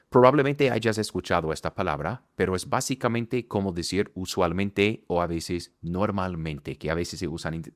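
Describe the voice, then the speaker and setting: A man from the United States with an American accent, teaching an English lesson in Spanish and slowly repeating example sentences for emphasis. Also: low voice, no room sound, studio quality. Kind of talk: online language lesson.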